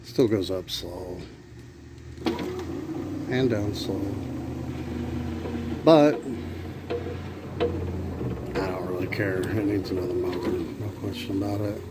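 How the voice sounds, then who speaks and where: Deep-voiced and slow with long pauses, the man casually narrates a hands-on car repair for his amateur vlog, thinking out loud in plain terms. There's clear background noise along with vehicle ambience.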